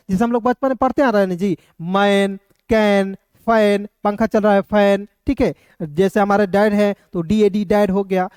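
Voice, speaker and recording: High-voiced man teaching, quizzing viewers. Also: darkish tone, no room sound, clean studio sound. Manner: repeats rhetorical questions to viewers. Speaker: English teacher. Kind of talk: casual classroom lesson.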